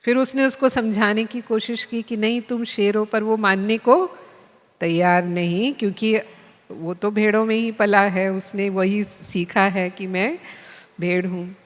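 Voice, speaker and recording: A woman spiritual teacher telling a story in a class, in an unhurried storytelling manner. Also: medium pitch, steady tone. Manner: unhurried storytelling, voices the animals. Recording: long hall reverb.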